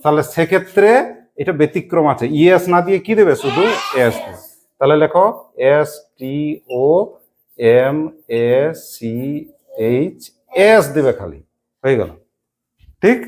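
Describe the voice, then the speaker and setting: A woman teaching an English grammar lesson to a class, asking quick questions and spelling words out letter by letter. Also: low voice, lively intonation, a little mellow.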